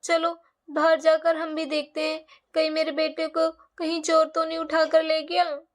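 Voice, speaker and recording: A woman voicing a calm older grandmother who soothes the family. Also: high voice, moderate pace, soft background music, lightly acted. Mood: soothing.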